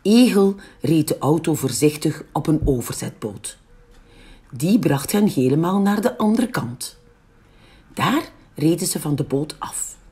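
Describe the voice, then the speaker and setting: A woman with a Flemish accent reading a picture book aloud for young children. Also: low voice. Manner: slow, very lively storytelling. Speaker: library storyteller.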